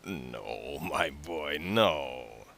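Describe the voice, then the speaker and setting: A man voicing a grinning, envious young tailor neighbor in a loud, falsely hearty way. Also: very deep voice, animated, drawn-out words, creaky, a little hiss or hum, heavily acted.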